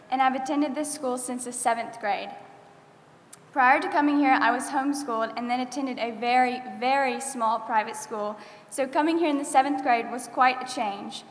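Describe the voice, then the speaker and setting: A graduating senior girl in her late teens reading an earnest farewell speech full of thank-yous at a school chapel podium. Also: sits high. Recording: echoey chapel with long reverb.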